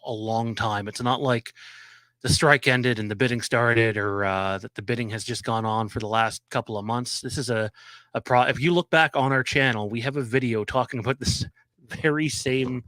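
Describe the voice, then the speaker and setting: Hoarse, nasal man with a cold. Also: medium pitch, steady tone, fairly bright tone, no room sound. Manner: halting, many ums and restarts. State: losing his voice. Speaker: livestream host. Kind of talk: casual live-stream chat.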